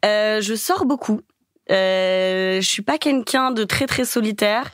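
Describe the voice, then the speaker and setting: A woman's voice: medium pitch, slow, no echo, clean studio sound. A young woman from Paris, a guest in a casual podcast interview who talks candidly and fills her speech with hesitations. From Paris, France. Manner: candid, chatty, many fillers.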